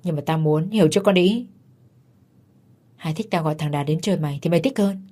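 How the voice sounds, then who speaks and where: A man's voice: fairly high pitch, a little fast, dark tone, natural voice. A woman voicing a jealous young husband who berates his wife with contempt and accusations. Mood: furious.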